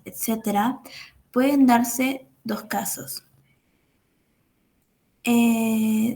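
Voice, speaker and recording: A woman's voice: on the high side, dark tone. A young woman with a Peruvian Spanish accent, carefully reading rules and examples from class slides. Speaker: student presenter.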